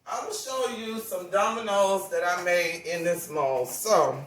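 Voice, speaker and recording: Her voice sits lowish and a bit bright, with a measured pace. She's a craft channel owner in her forties giving a relaxed, folksy hands-on tutorial, chatting away and often correcting herself partway through sentences, all in a roomy, echoey space.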